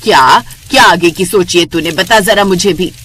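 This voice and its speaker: A woman voicing a sharp-tongued, nagging older mother-in-law in a cartoon story, scolding and exasperated. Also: lowish voice, moderate pace, a little hiss or hum, close to an everyday voice.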